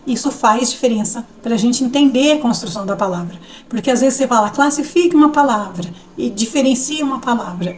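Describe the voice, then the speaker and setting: A woman's voice: fairly high pitch, darkish tone, recorded from a distance. A woman teaching an online grammar lesson in a conversational, explanatory way, often checking in with the listener.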